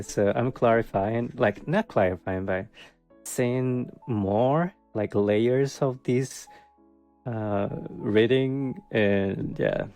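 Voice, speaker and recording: Slow, hesitant man reading tarot. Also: lowish voice, darkish tone. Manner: hesitant, many fillers, laughs often, wry and sarcastic. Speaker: tarot reader. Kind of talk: casual monthly tarot reading.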